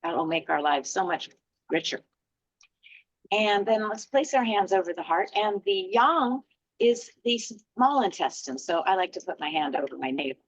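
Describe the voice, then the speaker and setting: A woman teaching a qigong class, guiding breathing and healing sounds in a gentle, encouraging way. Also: medium pitch, expressive, moderate pace, dry recording, lo-fi sound. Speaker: qigong instructor.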